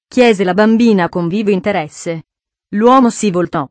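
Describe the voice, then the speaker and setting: Woman narrating a story calmly. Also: mid-range voice, moderate pace, no room sound. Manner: calm, even storytelling. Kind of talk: audiobook narration.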